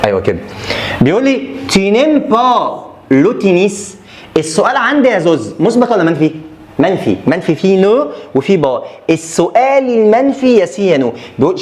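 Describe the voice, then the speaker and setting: A man's voice: high-pitched, a little mellow. A man with an Egyptian Arabic accent teaching French for an exam review. He drills rules over and over and throws in playful asides to students.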